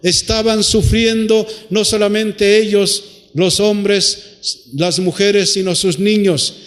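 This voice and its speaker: A man delivers a sermon to his congregation, stretching key words and pausing on rhetorical questions. His voice sits high for a man. The recording carries the long reverb of a church hall. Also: fairly even intonation. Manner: drawn-out emphatic phrases. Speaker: preacher.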